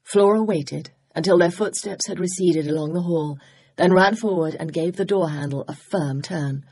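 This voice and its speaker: Woman narrating an audiobook, low voice, measured, husky. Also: a little mellow.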